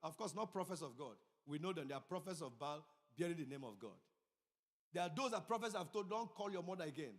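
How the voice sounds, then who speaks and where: A middle-aged man preaching a sermon as pastor, telling stories and swinging from low asides to loud emphasis. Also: expressive, brisk. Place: church sanctuary. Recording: church hall reverb.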